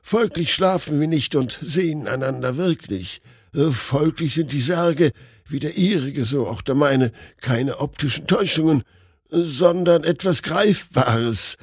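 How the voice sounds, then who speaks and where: A man's voice: fairly high pitch, expressive, measured pace, slightly rough, dry recording, clean studio sound, pitched above the performer's own voice. A man voicing a terrified young male doctor who gasps and pleads in panic. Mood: shaken.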